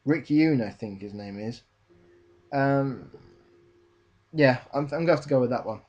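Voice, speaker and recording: A man's voice: mid-range voice, measured pace, a little mellow, lo-fi sound. A young man giving a casual spoken film review, hesitant and rambling, with many fillers and restarts.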